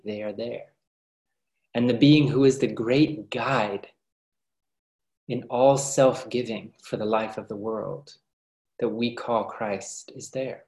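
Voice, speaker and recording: A man giving a reflective spiritual talk to workshop participants, speaking in a gentle, unhurried, earnest way. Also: medium pitch. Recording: roomy echoey sound.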